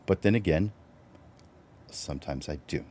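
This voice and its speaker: A man with a low voice hosting a live-stream teaching talk, relaxed and conversational, with fillers and restarts. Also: moderate pace, a little hiss or hum. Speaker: host.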